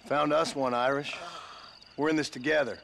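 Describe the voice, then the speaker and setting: An actor playing a tough, dry-witted gunslinger in a video game, calm and quietly menacing. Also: male voice, fairly high pitch, normal speed, vocal fry, a little hiss or hum. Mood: stern. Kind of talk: video game cutscene acting.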